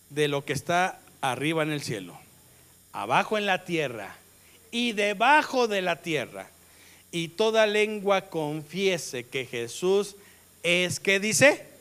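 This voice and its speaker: A man with a Mexican Spanish accent preaching a sermon, stressing his words and asking the congregation questions for them to answer back. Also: high-pitched. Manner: call-and-response questions to the congregation; slow, emphatic delivery with sudden loud rises. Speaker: pastor.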